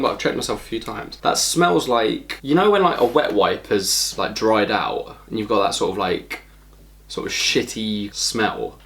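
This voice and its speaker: A man's voice: medium pitch, fairly bright tone, slight background noise. Foul-mouthed man reviewing beer. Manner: profane, exasperated, blunt. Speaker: beer reviewer, channel host. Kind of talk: casual vlog review. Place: at home, at a table.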